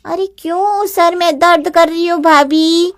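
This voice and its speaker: A bratty teenage girl taunts and mocks in a high voice, as a woman voices her. She is the spoiled sister-in-law of an animated family storybook, insolent in every line. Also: unhurried. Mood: taunting.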